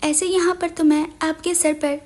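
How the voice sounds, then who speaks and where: Woman narrator as caring young woman, soothing, coaxing, high voice, romance story. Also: little pitch movement, moderate pace, a little mellow. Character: patient, caring young woman, gently teasing.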